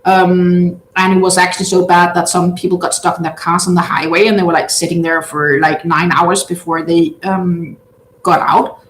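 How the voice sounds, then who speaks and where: A roomy echo from a large open-plan living room colors this casual livestream, along with a little hiss or hum. The host, a woman in her thirties from Denmark who speaks Danish natively with a Danish accent, reads out viewer comments in a lowish, level voice, chatting haltingly with many filler sounds.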